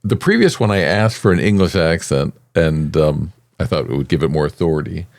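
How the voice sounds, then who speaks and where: Very deep-voiced easygoing male co-host. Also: lively intonation, fairly quick, vocal fry, darkish tone, no room sound, clean studio sound. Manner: easygoing, laughs at himself. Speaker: podcast co-host. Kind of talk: casual chat.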